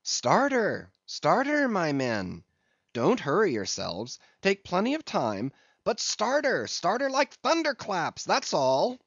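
A man voicing a rowdy, excitable whaleboat mate who bellows orders at his crew. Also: on the high side, takes it slowly, no echo, lo-fi sound, pitched above the performer's own voice, full character voice. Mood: yelling urgently. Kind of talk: audiobook character voice.

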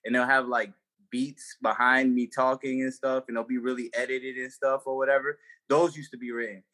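Bright-voiced slangy young man. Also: mid-range voice, little pitch movement, normal speed. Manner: slangy, loose, many fillers and restarts. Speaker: comedian guest. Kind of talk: casual podcast chat.

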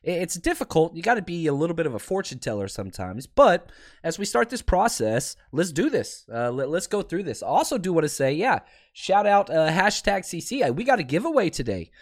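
A man hosts a sports podcast in a hoarse, raspy voice, a little higher than most men's. His pitch moves around a lot as he chats and rambles casually to his listeners. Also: a little fast. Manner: animated, rambling, conversational. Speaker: podcast host.

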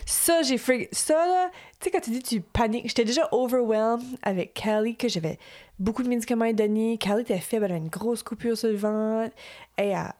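A young woman with a Quebec French accent telling a story in casual chat, animated and mixing English words into her French. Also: on the high side, brisk.

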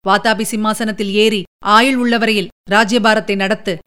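A woman's voice: mid-range voice, steady tone, normal speed, fairly bright tone, clean tone, close to an everyday voice. A woman voicing a proud male emperor in an audiobook, speaking in a stately, formal way. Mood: earnest. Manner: stately, formal, pleading then insistent. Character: proud middle-aged male emperor, commanding. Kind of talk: audiobook character reading.

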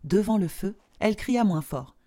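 Woman reading a fairy tale aloud. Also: medium pitch. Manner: slow, expressive, repetitive fairy-tale telling. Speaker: storyteller. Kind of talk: scripted storybook narration.

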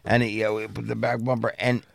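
A man with a gravelly, fry-heavy voice tells a rambling story with plenty of swearing, sitting close to the mic. The sound is dry and close, and he slips in and out of the voices of the people in his story. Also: on the low side, quick pace, no echo. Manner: animated, swearing, acting out quoted people. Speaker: podcast storyteller. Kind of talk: casual storytelling with profanity.

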